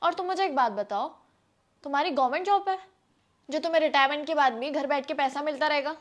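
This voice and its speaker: This scripted family skit features a woman as a young wife firmly lecturing her husband about savings, sounding like a sensible homemaker in charge. She speaks fast and steadily in a high, natural voice. The recording's highs are cut off.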